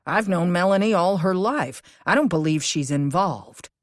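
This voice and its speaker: A woman's voice: lowish voice, lively intonation, moderate pace, no echo, studio quality, lightly acted. A woman narrator voicing an anxious, loyal female amateur sleuth in a cozy mystery audiobook, emphatic and questioning. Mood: defensive.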